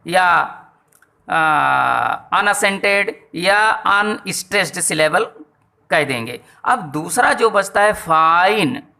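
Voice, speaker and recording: Man, teacher, slow and repetitive, high voice. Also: creaky, pushed and bright. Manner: slow, repetitive explaining to students. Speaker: English teacher. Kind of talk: classroom lesson on poetry meter.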